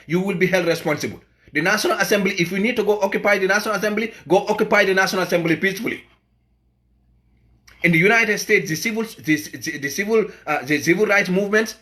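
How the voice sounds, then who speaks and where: A man's voice: high-pitched, fairly bright tone. A man from the Gambia giving an impassioned political address as an activist, emphatic and repetitive, often stumbling over his words.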